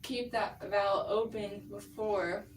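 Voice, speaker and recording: A woman's voice: mid-range voice, fairly even intonation, slow pace, slight background noise. A young adult woman, a vocal coach, patiently explaining singing technique with casual fillers. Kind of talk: singing lesson instruction. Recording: roomy, distant mic, faint music.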